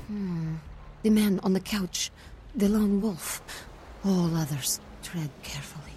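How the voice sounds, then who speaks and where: An actress playing a cryptic, troubled seer in a video game, speaking halting, eerie prophecies in riddles. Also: female voice, mid-range voice, dark tone, lightly acted. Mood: cryptic, ominous. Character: cryptic, troubled young female seer telling dark fortunes. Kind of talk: dramatic video game acting. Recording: noisy, with background ambience.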